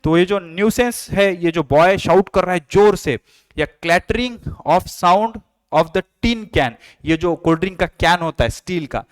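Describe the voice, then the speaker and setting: A man with a fairly high voice gives a science lesson, switching between Hindi and English. He asks his own questions and answers them, reads English lines slowly and then explains them. The recording is dry and close, with no room sound. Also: no room sound. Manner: playful, imitates noises and sounds. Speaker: teacher.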